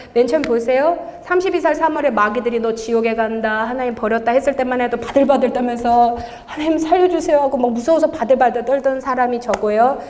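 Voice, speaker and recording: A woman with a fairly high voice tells her testimony at a church service, in a lively storytelling way with frequent laughter. Her voice rings with the long reverb of a large church hall. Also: a little hiss or hum. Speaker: intercessory prayer leader giving testimony. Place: church sanctuary.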